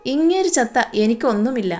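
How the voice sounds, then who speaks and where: A scornful, scheming middle-aged stepmother, as a woman storyteller puts her on, barking orders in a harsh and bossy way. The voice sits a little high, and soft music plays behind it in this audio story. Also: lively intonation, normal speed, close to an everyday voice.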